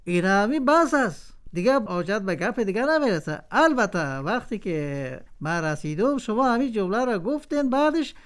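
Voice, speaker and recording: A woman's voice: medium pitch, sing-song, few pauses, close to an everyday voice. A woman voicing a proud, touchy talking chocolate character with an Afghan Dari accent, boastful and easily offended. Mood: aggrieved.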